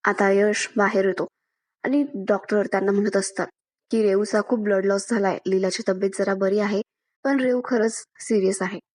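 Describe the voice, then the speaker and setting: A woman reviewing a TV serial, retelling an episode's events at a steady pace. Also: medium pitch, moderate pace. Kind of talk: episode recap narration.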